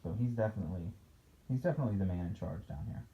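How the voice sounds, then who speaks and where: Speaking in a low, rapid-fire voice, a dad reads a picture book aloud to his child and chats about it, teasing the story in a playfully critical, conversational way. It's a storybook read-aloud mixed with casual chat, captured in a dull, noisy home recording.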